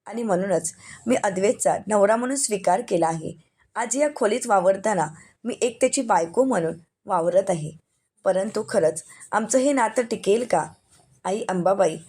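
A woman's voice: medium pitch, animated, moderate pace, mellow, slightly rough. A woman reading the part of a worried young bride praying for her new marriage, in an earnest, prayerful tone. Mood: prayerful, hopeful.

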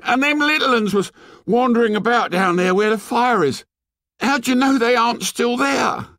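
Storybook schoolboy outsider: very high pitch, whining indignation, swooping delivery. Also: male voice, expressive, slow pace, gravelly, fairly bright tone, no room sound, studio quality, heavily acted. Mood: frightened, gasping. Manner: shrill scolding tirade in ungrammatical speech.

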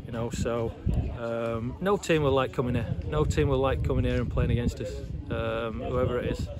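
Middle-aged football coach, flat delivery. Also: male voice, medium pitch, normal speed. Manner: hesitant, many fillers and repeated words. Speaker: assistant football manager. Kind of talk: post-match interview. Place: outdoors at a football ground by terrace steps. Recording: loud outdoor noise, traffic.

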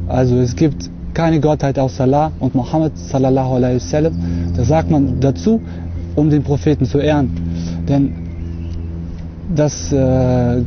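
Recorded on a nearby camera mic, this slightly dull lo-fi outdoor clip features a young Russian man giving earnest spoken testimony on a lawn. He hesitates often and uses many filler sounds, his medium-pitched voice steady in tone and normal in speed, with background noise present.

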